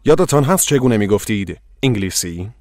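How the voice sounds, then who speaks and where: A man narrating a language course in slow, measured scripted instructions. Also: on the low side, expressive, a little mellow, dry recording, clean studio sound.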